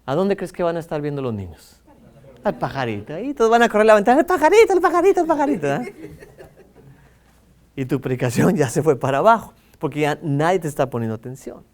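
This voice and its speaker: A man with a Mexican accent teaching a lively lesson on preaching, acting out examples and swinging his tone and pace. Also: on the high side, fast. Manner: animated, acts out examples with shifting tone and pace. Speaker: preaching instructor.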